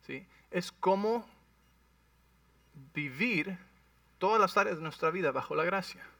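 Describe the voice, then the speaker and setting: A man preaching a sermon as a pastor, animated and often checking in with his listeners. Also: high voice, a little slow, gravelly, no echo, far from the mic.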